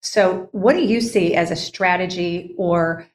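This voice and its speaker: A woman hosting a podcast interview, asking steady framing questions. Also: fairly low pitch, unhurried, slight background noise. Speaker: podcast host.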